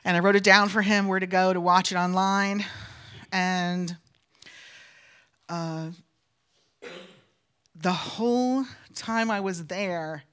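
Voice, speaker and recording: A woman from North Carolina tells a personal story to a church congregation. Her voice is bright and forward, and she talks in an animated way, acting out the other people in her story. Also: mid-range voice, slow pace, pauses often, clean tone. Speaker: church speaker. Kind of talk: storytelling testimony.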